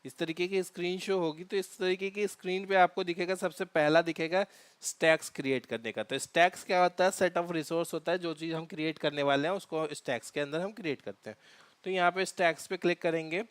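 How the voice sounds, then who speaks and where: A man's voice: fairly high pitch, fairly even intonation, smooth, no room sound. A man teaching a cloud DevOps tutorial over a screen share, explaining step by step with frequent fillers and restarts. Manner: halting, many fillers and restarts.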